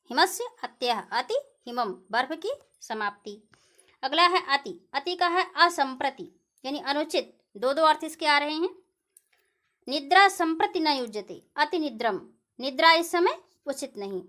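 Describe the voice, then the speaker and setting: A woman teaching Sanskrit grammar in a lesson, patiently repeating each example slowly. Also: high voice, fairly bright tone. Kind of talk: classroom-style lesson explaining grammar.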